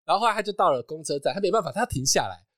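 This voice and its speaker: A man, hosting a podcast and telling a story in a casual, animated chat, laughing often. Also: fairly high pitch, very fast, dry recording, clean studio sound. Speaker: podcast host.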